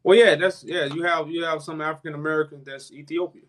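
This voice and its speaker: A man's voice: a little high, fairly even intonation, fast, a bit bright. A man hosting a live chat, preaching and explaining at length, calling the listener "brother man". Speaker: host.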